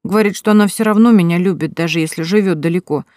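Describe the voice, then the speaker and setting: A woman's voice: fairly low pitch, quick pace, darkish tone, dry recording, studio quality, natural voice. A woman voicing a curious little boy in an audiobook, asking earnest, eager questions.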